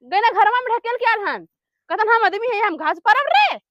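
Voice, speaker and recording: A woman playing an exasperated village wife who loudly nags and complains, in a comedy sketch, with an eastern Uttar Pradesh Awadhi accent. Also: extremely high pitch, animated, normal speed, no room sound. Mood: angry scolding. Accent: eastern Uttar Pradesh, Awadhi-Bhojpuri. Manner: loud, nagging, complaining. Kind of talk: rural comedy sketch acting. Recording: dull lo-fi video sound.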